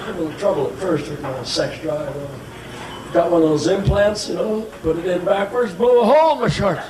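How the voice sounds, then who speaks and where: A man's voice: sits high, a little fast, far from the mic, pitched above the performer's own voice, close to an everyday voice. A man playing a crotchety, crude, forgetful old man who grumbles and rambles through a stand-up comedy monologue. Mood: crude, rambling. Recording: noisy roomy live stage with loud crowd.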